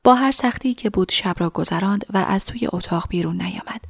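A woman narrating a story in a soft, half-whispered reading voice. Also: mid-range voice, gravelly, husky, dry recording, clean studio sound.

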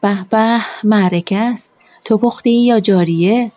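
A woman playing a gentle young bride. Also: mid-range voice, dry recording, natural voice. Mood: playful. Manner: gentle, affectionate. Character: kind young bride, affectionate and teasing. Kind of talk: audiobook drama.

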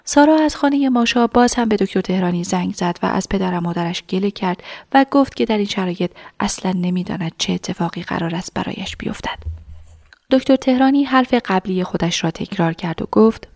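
A woman narrating a story in a soft, half-whispered reading voice. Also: medium pitch, no echo, studio quality.

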